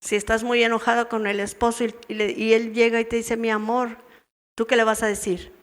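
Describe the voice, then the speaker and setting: A woman's voice: fairly high pitch, little pitch movement, quick pace. A woman with a Mexican Spanish accent teaching a women's church meeting, asking her listeners question after question and acting out wives' replies. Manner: asks the audience many questions, acts out wives' replies. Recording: long hall reverb in a church.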